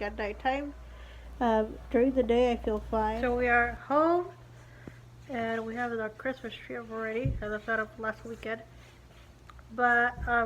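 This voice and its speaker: A young beauty vlogger films a casual video diary in her living room, holding her phone camera at arm's length over slight background noise. Her voice is a little high and a bit bright, but congested and slightly muffled, her lips stiff after nose surgery. She rambles chattily with lots of fillers.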